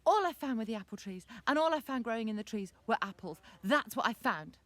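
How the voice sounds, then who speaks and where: A woman's voice: fairly high pitch, sing-song, slow, sharp tone, full character voice. A woman voicing a whiny little boy who is out of breath. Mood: breathless.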